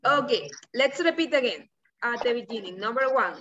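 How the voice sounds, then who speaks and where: A young woman, a native Spanish speaker, teaches small children in a slow, simple, encouraging way, as if talking to a toddler, having them repeat words. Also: on the high side, expressive, pushed and bright, slight background noise. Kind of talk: preschool vocabulary lesson for repeat-after-me practice. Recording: distant, slightly muffled video-call audio.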